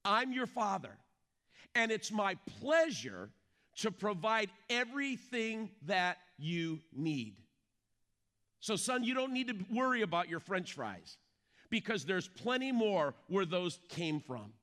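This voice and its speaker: A man playing a patient, loving father who speaks to his son loudly and emphatically. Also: high voice, sing-song, takes it slowly, full character voice. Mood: firm, reassuring. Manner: loud, emphatic and lecturing.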